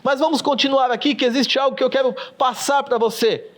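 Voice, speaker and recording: A man's voice: extremely high pitch, steady tone, a little fast, a bit bright. A male pastor with a Brazilian accent preaching fervently to a camera, calling his listeners dear ones and acting out scripture. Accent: Brazilian Portuguese. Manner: fervent, addresses listeners as "queridos", acts out scripture. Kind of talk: sermon. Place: in front of a camera, livestream.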